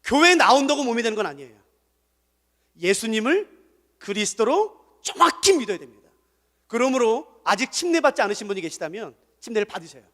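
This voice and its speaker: A man with a very high, lively voice preaching to a congregation, rising to loud exhortation and then dropping to soft asides. His words ring out with a long reverb in a large church hall. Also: a little fast. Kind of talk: emotive sermon.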